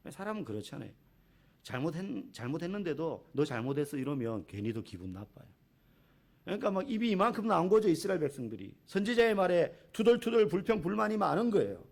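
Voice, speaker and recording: A man's voice: high-pitched, big pitch swings, quick pace, vocal fry. A man preaching a sermon as a pastor in a church, talking in a conversational way, asking the congregation questions and acting out quotes.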